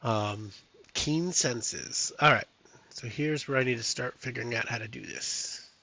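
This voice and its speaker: A man's voice: medium pitch, unhurried, gravelly, sharp tone. A man streaming a solo tabletop game, reading rules and chatting casually to viewers, thinking aloud with many fillers. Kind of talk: casual live-stream chat.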